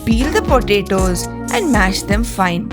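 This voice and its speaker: A woman from India, reading calm, step-by-step recipe instructions in a scripted voice-over. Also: mid-range voice, measured pace. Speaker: cooking channel host. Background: clear background music.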